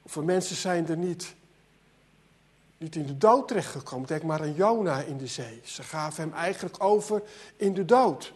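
Male preacher, high voice, earnest sermon delivery, stutters and repeats words. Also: expressive, normal speed, darkish tone, breathy edge. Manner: earnest, repeats words, voice rises and drops sharply.

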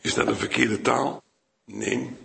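Older Dutch-speaking preacher in a roomy hall. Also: male voice, steady tone, slow, gravelly, pushed and bright. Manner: conversational, digressive, with sudden high-pitched acted quotes. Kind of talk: Bible sermon.

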